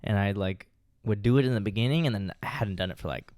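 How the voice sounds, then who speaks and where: A man's voice: fairly low pitch, fast, a little mellow, no echo, studio quality. A young man co-hosting a podcast in casual chat, laid-back and candid, chuckling often. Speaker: podcast co-host.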